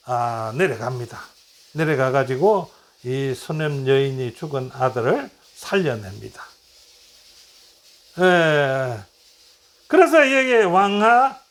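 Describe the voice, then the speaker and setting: Teaching from the Bible, a middle-aged man recounts stories, performs the quoted dialogue, and asks questions only to answer them on his own. He speaks in a high-pitched voice.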